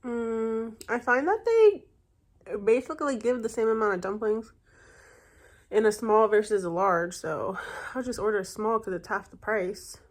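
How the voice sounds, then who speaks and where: A woman's voice: fairly high pitch, expressive, unhurried. Chatty, congested young woman vlogging. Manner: rambling, chatty, many fillers and self-corrections. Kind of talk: casual chat.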